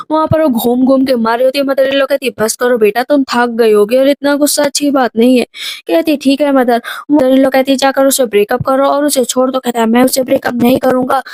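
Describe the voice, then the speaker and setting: A woman narrating a drama plot recap, quickly voicing each character's lines as she goes. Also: sits high, darkish tone, dry recording.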